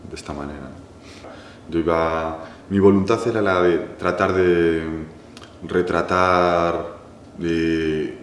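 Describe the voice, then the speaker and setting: A man from Galicia, a filmmaker answering an interview slowly, pausing often and adding "¿no?" to his thoughts. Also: rumbling low, slight background noise. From Galicia, Spain. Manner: thoughtful, many pauses, restarts and "¿no?" tags. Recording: echoey room with faint ambience.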